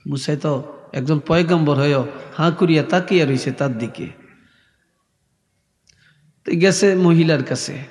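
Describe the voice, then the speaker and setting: Guy preaching real slow and soft, kinda singsong, lots of hall echo. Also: a little high. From Bangladesh. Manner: slow, soft-spoken, sing-song storytelling. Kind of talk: Islamic sermon. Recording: echoey hall reverb from a PA.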